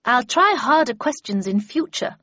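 Woman voicing Miss Havisham, imperious and sharp. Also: on the high side, sing-song, moderate pace, no room sound, pitched above the performer's own voice, full character voice. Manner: clipped, scornful, commanding. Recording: dull, dry lo-fi recording.

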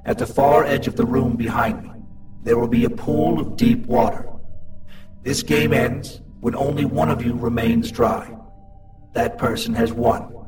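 Here is an eerie child monster hosting deadly games in a horror audio story, as a male narrator puts it on. It speaks in slow, flat, commanding announcements, sounding set back from the mic over a clear music bed. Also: medium pitch, far from the mic, poor audio.

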